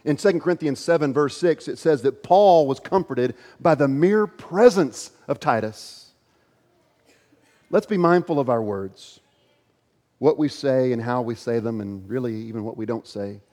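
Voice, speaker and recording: Pastor preaching in a reverberant hall. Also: male voice, medium pitch, unhurried, darkish tone. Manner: earnest, questioning, reads scripture aloud. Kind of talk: sermon.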